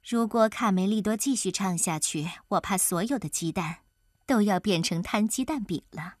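A woman's voice: mid-range voice, moderate pace, no room sound, studio quality, natural voice. A woman voicing an anxious mother hen in a children's storybook. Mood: worried.

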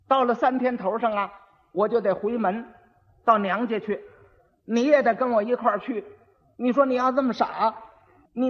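Man voicing a clever, exasperated young bride. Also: very high voice. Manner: scolding, instructing patiently. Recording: old lo-fi recording with long reverb.

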